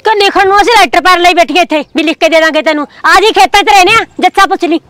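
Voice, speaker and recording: A hot-tempered village wife, acted by a woman in a homespun family drama, with a Malwai Punjabi accent. Her very high voice rattles along fast, heard dry and close with little room sound. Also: a bit bright, no room sound. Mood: threatening. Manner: quick, threatening, hot-tempered. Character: fiery village wife, young adult.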